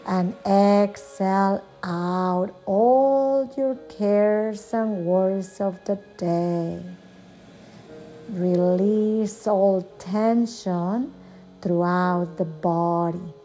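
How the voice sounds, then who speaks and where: A woman softly and soothingly guiding a yoga nidra relaxation as the instructor, leaving long pauses between phrases. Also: medium pitch. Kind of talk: guided relaxation meditation.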